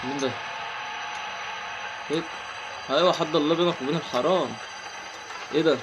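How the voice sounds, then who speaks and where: A man's voice: fairly high pitch, steady tone, brisk, very noisy. A young man with an Egyptian accent, commentating a horror game he is playing, talking to himself and yelping when startled. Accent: Egyptian Arabic. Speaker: gaming channel host.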